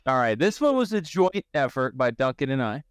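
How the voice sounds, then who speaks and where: A man's voice: mid-range voice, big pitch swings, brisk, clean tone, dry recording, clean studio sound. An American man co-hosting a casual game chat, presenting fan card designs with hyped-up delivery.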